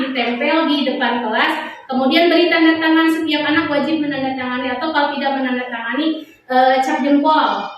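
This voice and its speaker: Seorang guru perempuan menjelaskan materi pelatihan kepada rekan-rekan, sambil memberi contoh kalimat kepada murid. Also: female voice, sits high, a bit bright, a little hiss or hum. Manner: explains with quoted example phrases to pupils. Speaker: teacher presenting to colleagues. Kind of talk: explaining training material. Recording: echoey room from far off.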